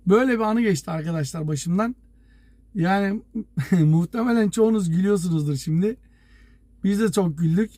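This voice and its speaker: A truck driver telling a story to his viewers in a casual, lively way, acting out the dialogue and chuckling as he goes. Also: high voice, no room sound. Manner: lively anecdote teller, acts out dialogue.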